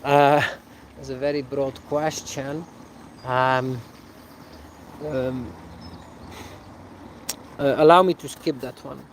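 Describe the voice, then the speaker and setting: A man's voice: mid-range voice, fairly even intonation, slow, long pauses, a little hiss or hum, rough recording. A man from Belgium, hosting a casual live Q&A outdoors, talking hesitantly with many fillers and tagging sentences with "eh?". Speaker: livestream host answering viewer questions.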